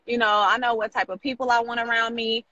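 A woman chatting casually while calling in from her car while driving, agreeing along with relaxed slang. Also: on the high side, fast talker, dry recording. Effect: calling in from her car, lo-fi phone line. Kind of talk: casual chat.

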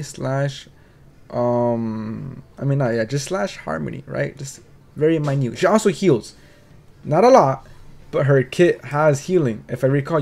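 A man's voice: medium pitch, a little mellow. A man giving casual gaming commentary, rambling and restarting words while he thinks, peppering his talk with swearing and tag questions. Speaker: game commentary creator.

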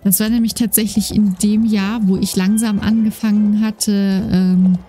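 Over game music and the clatter of horse hoofbeats, a woman who makes gaming videos talks casually through a horse game, filling her let's-play commentary with plenty of fillers. She speaks in a mid-range, flat voice at a measured pace, with a slight lisp that softens her trailing S sounds. Her desk microphone has a noise gate, and there's slight background noise.

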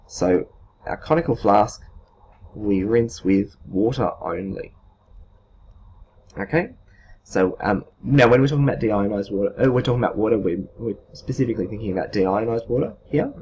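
Male teacher, thirties, low voice, informal step-by-step explainer, dull recording with background noise. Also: darkish tone. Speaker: chemistry teacher, video host. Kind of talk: explanatory whiteboard lesson. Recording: muffled sound with clear background noise.

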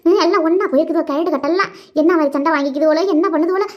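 A sharp-tongued cartoon woman, voiced by a woman. She complains in a high voice and talks fast. The audio sounds dull and lo-fi. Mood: curious. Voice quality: quick, scolding chatter. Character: grumbling village woman, the older sister figure. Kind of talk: animated cartoon voice acting.

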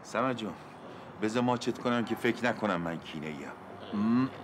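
A middle-aged actor playing a pushy, sweet-talking landlord in a TV drama. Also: male voice, lowish voice, expressive, natural voice. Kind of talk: TV drama acting. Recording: noisy background.

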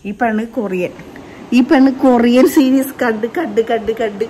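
A woman's voice: a little high, fairly even intonation, moderate pace, mellow, a little hiss or hum, poor audio. A woman with a Malayali accent chatting casually in a home vlog, coaxing a sleepy crying child in a sing-song way. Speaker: vlogger. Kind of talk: casual family vlog chat. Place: home in rainy evening.

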